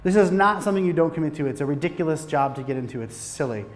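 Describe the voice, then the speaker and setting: Lively intonation and a quick pace mark this fairly high male voice, heard with big-room sound. He's a Michigan film director with an American accent giving an animated, joking talk on filmmaking to a live audience in a hot lecture room, swearing freely and often restarting his sentences.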